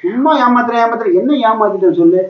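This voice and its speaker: A man's voice: high-pitched, fast, echoey room, lo-fi sound, close to an everyday voice. A man playing a pleading boyfriend. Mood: pleading defensive. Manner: pleading, defensive, repeats questions. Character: young man pleading with his angry girlfriend. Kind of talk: comedy skit phone argument.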